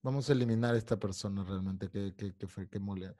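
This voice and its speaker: A man's voice: lowish voice, fast, dark tone, dry recording, studio quality. A man teaching an online English class, explaining in Spanish and drilling pronunciation by singing along to lyrics. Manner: irritated, scolding a heckler.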